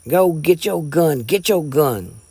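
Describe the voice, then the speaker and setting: A man's voice: on the high side, animated, slow pace, darkish tone, husky, no room sound, voice pushed up, full character voice. A man voicing a belligerent young boy with a drawl, sneering backwoods talk. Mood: furious. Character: belligerent young male mountain boy, hot-tempered.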